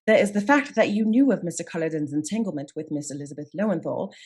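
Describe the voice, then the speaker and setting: A woman's voice: on the low side, lively intonation, fast talker, a little mellow, breathy edge. A woman playing a shrewd, assured lady detective in a period radio mystery, speaking formally and articulately as she sets out her case. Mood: accusing, resolute. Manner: articulate, formal, methodical accusing delivery. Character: shrewd, composed lady detective of Scotland Yard, commanding and assured.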